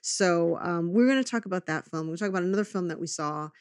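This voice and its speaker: Animated woman chatting on a podcast. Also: on the low side, fast talker, clear, resonant tone, no echo. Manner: animated storytelling with self-quotes, swearing. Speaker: podcast host. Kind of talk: casual chat.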